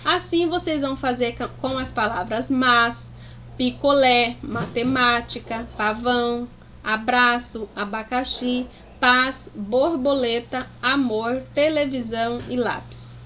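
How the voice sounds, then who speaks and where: A woman's voice: a little high, fairly even intonation, slow pace, sharp tone, slight background noise. A woman teacher explaining a lesson to pupils, affectionate and sounding out words syllable by syllable. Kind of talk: slow, deliberate classroom explanation.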